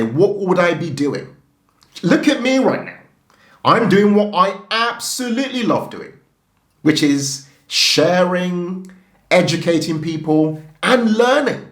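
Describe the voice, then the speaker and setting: A man coaching his viewers straight to camera, with a voice that climbs and dips a lot as he stresses his points. He keeps checking in with them and pushes them to act. The room gives his voice a roomy echo. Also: a little high. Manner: emphatic, animated, keeps checking in with "okay?". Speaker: personal finance YouTuber coaching viewers. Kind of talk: direct-to-camera coaching talk.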